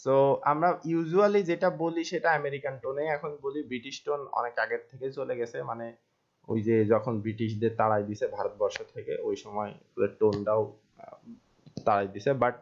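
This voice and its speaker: A male instructor from Bangladesh delivers a recorded live class in a loose, conversational way, sprinkling English terms through his speech. He poses questions and then answers them himself, at a middling pitch. The recording sounds slightly dull and lo-fi. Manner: mixes English terms into colloquial Bengali. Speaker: online course instructor.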